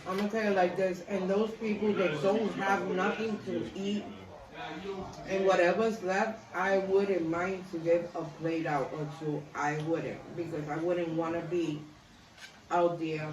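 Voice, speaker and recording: A woman's voice: lowish voice, flat delivery, measured pace. Middle aged lady chatting w family, emphatic, repeats herself, far from mic, people talking around her. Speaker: family member in a home vlog. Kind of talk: casual family chat. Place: indoor family dinner gathering. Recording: echoey, distant mic, loud chatter around.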